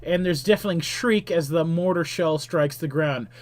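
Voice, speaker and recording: A man hosting a game stream reads the on-screen text aloud as he plays. His voice sits a little high, and he drops into casual, chuckling asides between the narration. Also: normal speed. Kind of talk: reading game text aloud while playing.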